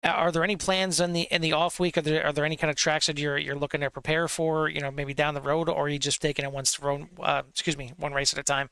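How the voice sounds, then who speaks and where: A man hosting a sim racing broadcast, interviewing drivers after the race in an upbeat, quick manner. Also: a little high, level tone, gravelly, bright, forceful tone, smooth.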